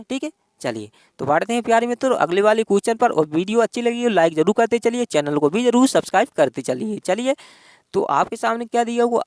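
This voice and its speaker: Guy teaching exam reasoning, high voice, dry close sound, keeps asking then answering himself. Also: no room sound. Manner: explains step by step with many rhetorical questions. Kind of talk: exam-prep reasoning lesson.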